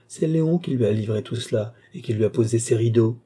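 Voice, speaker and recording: A man's voice: mid-range voice, a little fast, warm tone, husky, close to an everyday voice. A man reading a chatty, naive young working girl. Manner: chatty, matter-of-fact recounting. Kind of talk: audiobook character reading.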